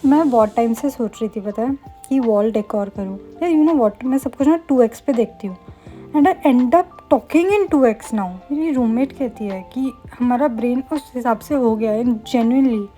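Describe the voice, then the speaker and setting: A young woman talks quickly and playfully in a casual vlog, poking fun at herself as she goes. Her voice sits a little high but sounds mellow and warm. Faint music plays underneath. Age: young adult. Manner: fast, chatty talker; self-mocking, playful asides. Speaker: medical student vlogger. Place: student hostel room.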